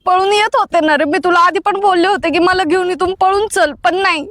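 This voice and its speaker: A young actress plays a reluctant bride in a village comedy. Her voice is very high and the sound is dry and close. She pleads and reproaches by turns. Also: fairly even intonation, fairly quick, a bit bright, no echo. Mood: heated. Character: young bride resisting her arranged wedding.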